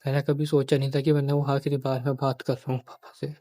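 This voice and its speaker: A man's voice: medium pitch, flat delivery, fast, mellow, no echo. A young man, a vlogger, talking about a painful personal memory and often repeating his phrases as he tells it. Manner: grieving, repeats phrases, quotes others in dialogue. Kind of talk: personal storytelling vlog.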